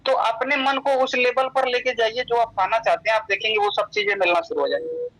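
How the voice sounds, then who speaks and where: A man with a high, bright voice teaches a spiritual lesson, repeating his key points and checking that the listeners follow. The sound is thin and narrow, like a phone line. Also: big pitch swings, a little fast.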